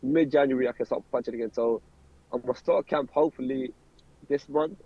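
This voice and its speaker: A man's voice: medium pitch, fairly quick, husky, no echo, dull audio. A man, a professional boxer chatting casually in an interview, rambling and repeating words as he starts sentences. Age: 20s.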